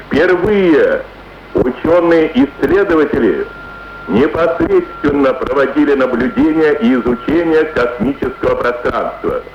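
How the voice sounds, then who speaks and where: Slow, solemn male radio announcer. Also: mid-range voice, animated, a little hiss or hum. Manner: slow, solemn, deliberate delivery. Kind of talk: formal news bulletin reading. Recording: muffled, roomy archival radio broadcast.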